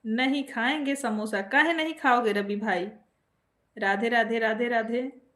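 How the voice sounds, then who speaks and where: A woman's voice: on the high side, steady tone, a little slow, a bit bright. A woman hosting a casual live stream from home with an Awadhi accent, reading viewer comments aloud and greeting people by name with playful teasing.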